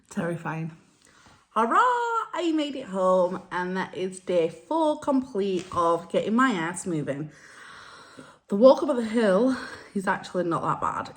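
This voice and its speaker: A woman, chatting frankly and self-deprecatingly in a casual vlog recorded on a phone held at arm's length. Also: on the low side. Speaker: vlogger.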